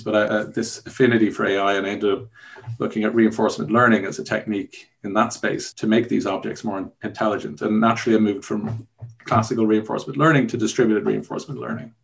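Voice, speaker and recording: A middle-aged Irish man talks fast in a low, gravelly voice. He explains his career as an interview guest, rambling a little and restarting phrases as he thinks. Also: little pitch movement. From Ireland. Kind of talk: casual interview talk.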